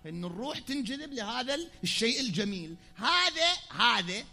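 Iraqi male preacher at a pulpit, high and very bright voice, teacherly sermon that swings to loud declaiming. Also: big pitch swings, a little fast. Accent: Iraqi Arabic. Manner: explanatory, swings from quiet asides to loud declaiming. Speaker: preacher at a mourning gathering. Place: pulpit in a hall.

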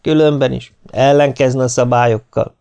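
A man's voice: medium pitch, steady tone, gravelly, mellow, clean tone, pitched above the performer's own voice, lightly acted. A man reading an audiobook, voicing a middle-aged businessman who gives curt, authoritative orders. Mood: deliberate. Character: middle-aged American businessman, commanding leader.

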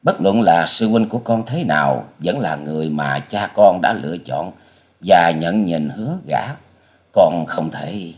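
A man's voice: deep voice, big pitch swings, normal speed. A man voicing a middle-aged female sect master who sighs, pleads and turns stern with her daughter. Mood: sighing.

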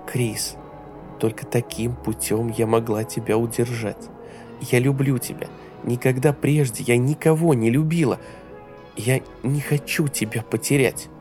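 A young woman in an audiobook scene, desperate and tearful, who climbs into shrill, furious screaming, voiced by a male narrator who lifts his pitch. The voice has a gravelly edge, and soft music plays behind it. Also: sing-song, moderate pace, hardly any pauses. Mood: pleading. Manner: rising to shrill shouts. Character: young woman, hurt, pleading, then furious.

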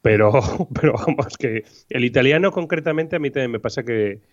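A man co-hosts a podcast in a relaxed, joking way, full of fillers. His pitch is ordinary, and the recording sounds a little dull and lo-fi. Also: moderate pace. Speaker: podcast co-host. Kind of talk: casual podcast chat.

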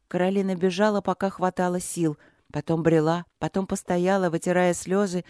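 A woman giving steady, scripted narration of an audiobook. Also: lowish voice, no room sound, studio quality.

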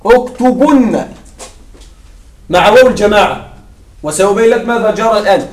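A man teaching an Arabic grammar lesson to a class, asking questions and answering them himself, repeating key points slowly for emphasis. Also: high-pitched. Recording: echoey room, mic at a distance.

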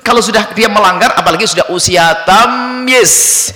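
A man's voice: high voice, moderate pace, sharp tone, big-room sound. A man preaching a sermon to parents, speaking straight to the congregation. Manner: addresses the congregation directly.

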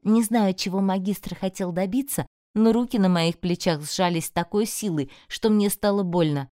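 A woman narrating a first-person fantasy audiobook in an expressive, emotional manner. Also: medium pitch, moderate pace, no room sound, clean studio sound.

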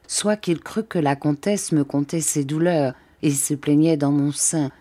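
A woman narrating a classic novel as an audiobook, in a measured, composed manner. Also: low voice, dark tone.

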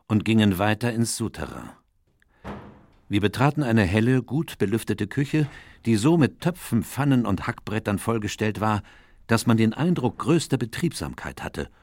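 An actor playing a measured, gentlemanly doctor who narrates a radio detective story. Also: male voice, lowish voice, dry recording. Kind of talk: scripted radio drama narration.

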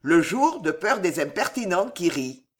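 A man voicing a cool, wry young chevalier who taunts noblemen before a duel. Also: high-pitched. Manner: calm, wry, unhurried.

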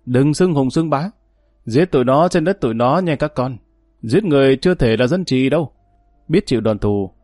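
A man's voice: mid-range voice, animated, moderate pace, a little mellow, no echo, clean studio sound, lightly acted. A man reading an audiobook, voicing a tough, menacing male gang leader who talks in harsh threats.

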